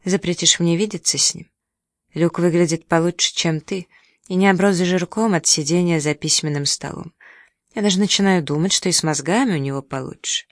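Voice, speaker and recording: A reader voicing a sharp-tongued young woman who snorts and teases, in a storybook reading. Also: fairly low pitch, a little fast, no room sound, studio quality, lightly acted. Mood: teasing. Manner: mocking, teasing.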